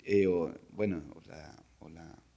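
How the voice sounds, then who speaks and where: Middle-aged Costa Rican man, relaxed rambling storyteller, chuckles between stories. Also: sits low, takes it slowly, gravelly. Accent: Costa Rican Spanish. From Costa Rica. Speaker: podcast guest, singer. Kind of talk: casual conversational storytelling.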